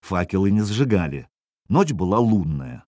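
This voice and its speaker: Wry low-voiced male audiobook narrator. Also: moderate pace, no echo, studio quality. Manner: wry, expressive, voices the dialogue. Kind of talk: first-person audiobook narration.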